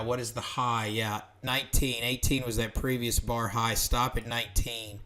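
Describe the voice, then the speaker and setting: A man talks through a live trade, reeling off price ticks and order levels in clipped bursts as if to himself. His voice stays flat and level in pitch throughout, with a mid-range tone for a man. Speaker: trader and trading educator. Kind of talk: live trading commentary on screen.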